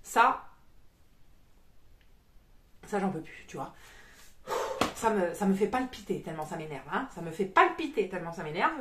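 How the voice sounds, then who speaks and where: A woman's voice: fairly low pitch, very animated, moderate pace, long pauses, background noise. Vlogging woman medium: crude, blunt, irritated rant, recorded in an echoey room. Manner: blunt, crude, swearing, exasperated. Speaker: spiritual medium and YouTuber. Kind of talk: casual vlog rant.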